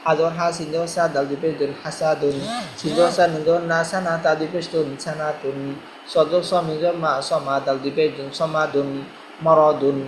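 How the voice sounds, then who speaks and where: A man with a slightly higher voice leads a reading lesson and spells out syllables one by one. He repeats each sound patiently so learners can follow along. A faint hum of noise sits behind him. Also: little pitch movement, a little fast, rough recording. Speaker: Quran reading teacher.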